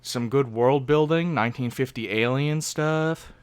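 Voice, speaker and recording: A man's voice: mid-range voice, a little slow, smooth. A young man co-hosting a casual podcast chat, telling stories in a rambling way and restarting his sentences often. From Oregon, United States. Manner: rambling, self-interrupting storyteller. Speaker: podcast co-host.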